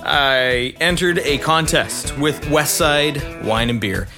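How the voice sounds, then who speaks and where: A man's voice: medium pitch, expressive, slow, music in the background. A man co-hosting a casual podcast, joking and bantering with his friend. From Canada. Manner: jokey, playful banter. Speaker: podcast co-host.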